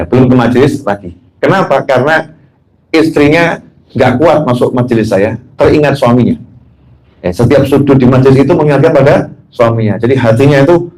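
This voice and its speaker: Indonesian preacher telling anecdotes. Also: male voice, medium pitch, a little mellow, poor audio. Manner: anecdotal and joking, asks the audience questions. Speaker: habib preacher. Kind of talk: religious talk.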